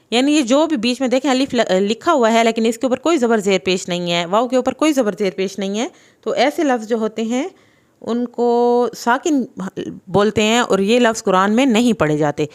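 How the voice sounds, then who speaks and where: A young woman teaching Quran reading, slowly sounding out each letter and vowel mark syllable by syllable and then explaining the rules. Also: on the high side, lively intonation. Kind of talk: slow spelled-out recitation lesson.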